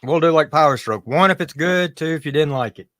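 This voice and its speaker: A man's voice: on the high side, fairly quick, a bit bright, no room sound. A man co-hosting a casual livestream, talking in a laid-back, drawling way. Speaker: livestream co-host. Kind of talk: casual chat.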